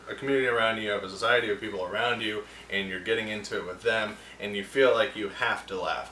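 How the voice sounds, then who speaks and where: A man hosting a film review show delivers casual, sarcastic rants in a bright, forceful voice. He sits back from the mic, so his voice rings in a roomy echo. Faint ambient sound hums behind him. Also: on the low side, recorded from a distance, a little hiss or hum. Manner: sarcastic, animated ranting.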